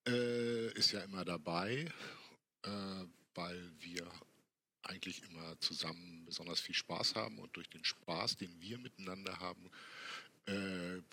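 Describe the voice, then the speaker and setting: An older man talking casually as an interview guest, explaining things in a halting, conversational way. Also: deep voice, bright, forceful tone, breathy edge. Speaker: podcast guest, workshop teacher.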